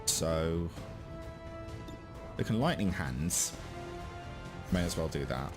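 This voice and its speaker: A man with a deep voice talks casually through a strategy game. He thinks aloud and drops dry asides, with game music playing behind him. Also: lively intonation, slow. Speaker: gamer, video host.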